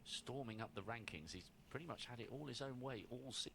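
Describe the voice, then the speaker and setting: A man giving measured live snooker commentary in short phrases, with pauses between them. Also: medium pitch, vocal fry, fairly bright tone, a little hiss or hum.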